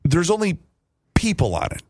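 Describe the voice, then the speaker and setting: A man's voice: a little high, wildly swooping pitch, normal speed, darkish tone. A man co-hosting a talk radio show, chatty and incredulous, often stammering as he starts a thought. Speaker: radio co-host. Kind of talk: casual talk radio banter.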